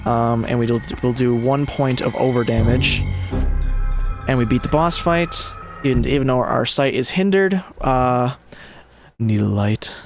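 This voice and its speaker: A man's voice: medium pitch, unhurried, over music. A man giving casual commentary on a game playthrough, musing aloud as he goes. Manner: muses aloud, mildly swears. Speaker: gaming video player and commentator.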